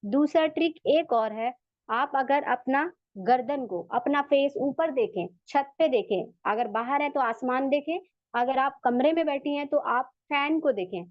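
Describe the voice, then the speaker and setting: Slow, high-voiced woman teaching recitation. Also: dry recording. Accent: Urdu. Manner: patient, repeats sounds for practice. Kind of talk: slow step-by-step lesson. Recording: dull, dry lo-fi audio.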